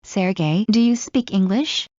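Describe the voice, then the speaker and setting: A woman reading scripted English practice dialogues in a slow, clear drill delivery. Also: medium pitch, a little mellow, dry recording. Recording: muffled lo-fi recording.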